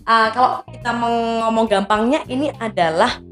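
A woman guest on a podcast chat, explaining speaking techniques in a relaxed, explanatory way and breaking into short demonstrations. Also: a little high, normal speed, faint music behind. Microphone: podcast mic.

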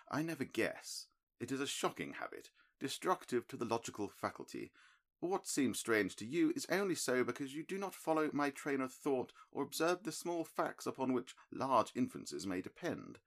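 A male audiobook narrator, his voice on the low side but pushed up, portrays a middle-aged detective who is calm and analytical. The character explains his deductions precisely and crisply, as if giving a lecture.

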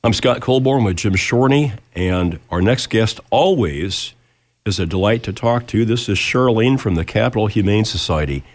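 Deep, nasal American man hosting radio. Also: animated, normal speed, no room sound. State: recovering from lost voice. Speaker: radio show host. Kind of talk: casual live radio talk.

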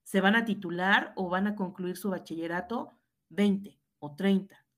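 A woman's voice: mid-range voice, unhurried, a bit bright. A woman teacher with a Mexican accent, earnestly recounting a personal story in conversation and often ending with a questioning "right?". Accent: Mexican Spanish. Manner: earnest, frequent tag questions, reenacts dialogue. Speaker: high school teacher.

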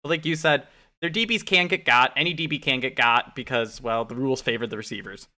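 A man's voice: mid-range voice, fairly quick. A man co-hosting a casual sports betting chat, breaking down games and acting out quotes in a raised voice. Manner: animated, acts out quotes in raised voice. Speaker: podcast co-host.

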